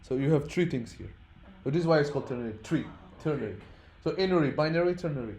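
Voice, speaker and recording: Here a man's slightly high, a little mellow voice moves fast with lively intonation as he teaches programming casually. English is a third language for him, not his mother tongue. He goes step by step, repeating himself and checking that his audience follows along.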